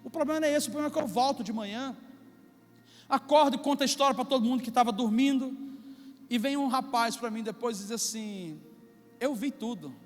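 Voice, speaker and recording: A Brazilian pastor preaches from the pulpit, his voice pitched unusually high. He tells the story in an animated way, acting out each scene. The recording carries a long church-hall reverb with faint music in the background. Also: fast talker. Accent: Brazilian Portuguese. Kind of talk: sermon. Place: church sanctuary.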